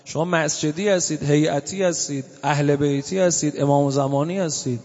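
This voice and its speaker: A male cleric giving a sermon in a mosque hall, alternating loud exclamations with soft, drawn-out recitations. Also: fairly high pitch, fairly even intonation. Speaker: cleric preacher. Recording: dull recording with long reverb.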